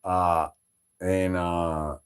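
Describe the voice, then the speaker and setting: A man from Chicago talks on his livestream in a deep, unhurried voice. He rambles casually, swears freely, and stops to throw out shout-outs, with a lot of "like" and "uh" along the way. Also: little pitch movement, clear, resonant tone. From Chicago, Illinois. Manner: loose, profane, full of fillers and shout-outs. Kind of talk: rambling casual stream chat.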